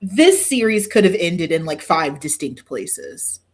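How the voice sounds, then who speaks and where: A woman's voice: fairly low pitch, big pitch swings, measured pace. A woman hosting a podcast in casual chat, swearing freely and poking fun at herself with dramatic exaggeration. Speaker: podcast host.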